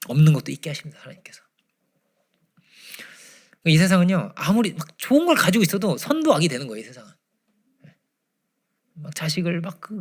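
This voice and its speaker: Animated, gravelly-voiced male preacher. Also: high-pitched. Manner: animated, swings from loud emphasis to hushed near-whispers. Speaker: pastor. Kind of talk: sermon. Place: church.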